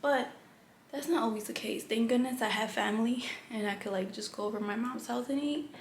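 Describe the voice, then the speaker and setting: A young woman talks in a loose, candid vlog ramble, dropping "like" everywhere and restarting her thoughts. Her voice sits a little high, and the room rings with echo over a faint hum. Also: fairly quick. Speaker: vlogger. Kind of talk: casual chat.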